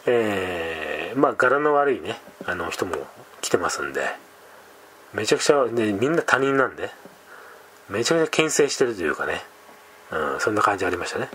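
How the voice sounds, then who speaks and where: A man's voice: lowish voice, sing-song, moderate pace, a bit bright, a little hiss or hum. A man telling a scary story in a casual, rambling way, with conversational asides. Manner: rambling, many fillers and restarts, conversational asides.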